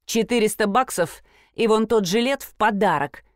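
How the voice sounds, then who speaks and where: A woman's voice: medium pitch, normal speed, no room sound, studio quality, close to an everyday voice. A woman voicing a bossy, brash young woman who haggles hard, talking curtly, coldly and commandingly. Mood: haughty. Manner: curt, cold and commanding.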